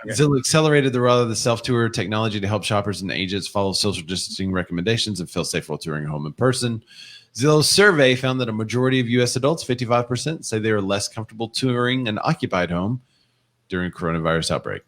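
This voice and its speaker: A man's voice: on the low side, fast, a bit bright. A man co-hosting a casual real estate livestream, chatting and reading viewer comments and news articles aloud. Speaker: co-host of a real estate show.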